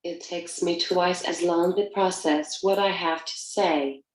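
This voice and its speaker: A woman's voice: fairly low pitch, fairly even intonation, a little slow. A synthetic female text-to-speech voice from a communication device, playing a prepared message. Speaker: panel guest using an augmentative communication device. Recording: roomy, echoing device playback.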